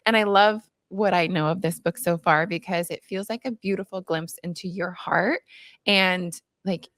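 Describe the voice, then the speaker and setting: A woman's voice: lowish voice, moderate pace, a bit bright, no echo. A woman interviewing in a casual, chatty style, with an effusive, encouraging manner.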